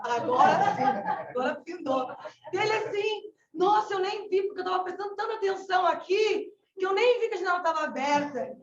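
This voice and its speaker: A woman with a Gaúcho Brazilian accent, a missionary colporteur, giving a fervent, exclamatory religious testimony. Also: very high-pitched. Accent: Gaúcho Brazilian Portuguese. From southern Brazil. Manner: fervent, exclamatory, often calling out to the Lord. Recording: echoey, distant, dull-sounding room recording.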